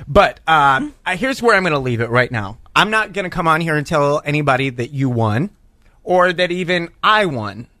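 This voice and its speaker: American male radio host, high bright voice, jokey banter, dry studio mic. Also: lively intonation, moderate pace, dry recording. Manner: joking, plugging the channel repeatedly.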